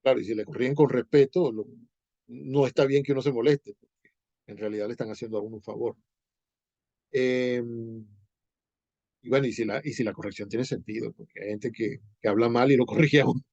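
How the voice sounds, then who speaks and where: A man's voice: mid-range voice, steady tone, fairly quick, creaky, long pauses, a little mellow, no echo, lo-fi sound. A male teacher with a Venezuelan Spanish accent, giving an informal class and acting out little dialogues to explain rules. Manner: explains with examples, acts out dialogues.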